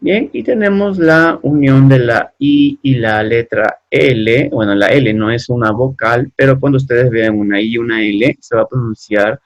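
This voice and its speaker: A man's voice: medium pitch, lo-fi sound. A man teaching French pronunciation in a lesson, patient and repetitive, often checking in with the learners. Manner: patient, repeats words slowly, ends sentences with "¿no?" and "¿bien?". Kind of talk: explaining French pronunciation to Spanish speakers.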